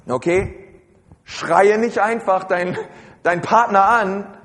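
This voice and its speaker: German man preaching in a reverberant hall. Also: high voice. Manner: conversational preaching with frequent fillers and rhetorical questions. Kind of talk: sermon.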